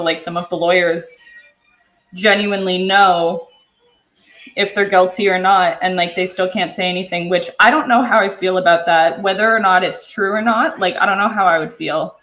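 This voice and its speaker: A woman's voice: fairly low pitch, steady tone, brisk, fairly bright tone, reverberant, poor audio. A young woman with a Canadian accent, chatting casually and rambling with lots of fillers and casual swearing while she cooks in her kitchen. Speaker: cooking vlogger. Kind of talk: casual chat while cooking. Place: home kitchen.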